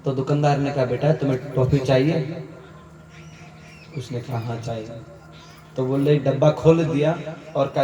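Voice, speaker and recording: A man's voice: mid-range voice, mellow, slight background noise. A man preaching a Hindi katha, telling stories and acting out their dialogue in a storytelling manner. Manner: storytelling preacher, acts out dialogue, chuckles to the crowd. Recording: echoey hall, distant mic, faint ambience.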